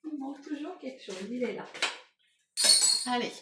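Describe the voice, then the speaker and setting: Her voice sits high and moves at a moderate pace, with heavy noise behind it. A middle-aged beauty vlogger, she chats through her morning makeup at home, tired and rambling, wandering off topic and returning, her speech peppered with "voilà" and "bon, bref".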